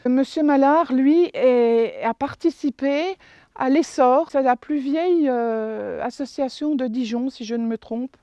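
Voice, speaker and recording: A village woman answers in an interview, halting and filling gaps with hesitation. Her fairly high voice is mellow. The recording sounds dull, dry and lo-fi. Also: no room sound. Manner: hesitant, with fillers and restarts. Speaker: village resident.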